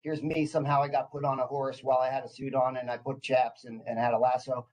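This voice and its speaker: A man's voice: medium pitch, little pitch movement, quick pace, darkish tone, poor audio. A man giving an informal professional presentation, psyched and caffeinated, often hesitating and restarting as he eagerly talks. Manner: enthusiastic, psyched; caffeinated, eager talker who hesitates and restarts mid-phrase. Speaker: clinical department director presenting.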